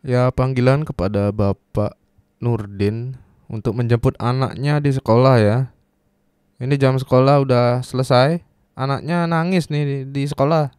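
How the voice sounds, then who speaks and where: A cheerful male radio announcer delivers a page in a mock-formal tone, as a man puts him on. His voice is smooth and resonant, sitting at an ordinary male pitch. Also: steady tone, moderate pace, darkish tone, no room sound, studio quality, close to an everyday voice. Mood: announcing.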